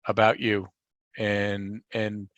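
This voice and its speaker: A man's voice: on the low side, completely flat delivery, slow, highs cut off, crowd noise. A man acting as moderator, speaking casually as he thanks and steers a guest. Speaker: host or moderator.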